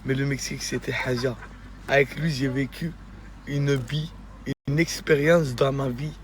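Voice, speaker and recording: A man's voice: medium pitch, steady tone, a little slow, a little hiss or hum. A man in French, bantering casually with friends in slang peppered with interjections. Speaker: vlogger. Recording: crowded outdoor chatter behind the voice.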